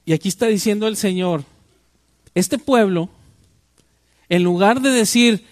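An older man delivers a sermon, often turning to the congregation with rhetorical questions. His voice sits high for a man. The sound is dry and close, with no room echo. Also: a little slow. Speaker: pastor.

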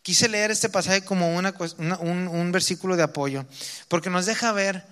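A man with a Mexican accent preaching a sermon, reading scripture slowly and emphatically, then explaining it in casual asides. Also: high-pitched, fairly bright tone, long reverb tail. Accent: Mexican Spanish.

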